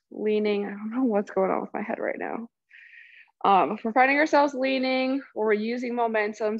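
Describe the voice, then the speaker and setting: A woman's voice: fairly high pitch, lo-fi sound. A woman fitness coach giving workout cues and counting down sets, a little out of breath. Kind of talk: workout instruction. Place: exercise space.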